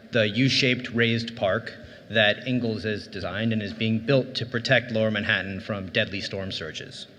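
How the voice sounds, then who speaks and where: A man's voice: medium pitch, a bit bright. A man speaking as an event host, delivering a formal introduction as a podium speech. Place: large conference hall. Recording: reverberant hall with background noise.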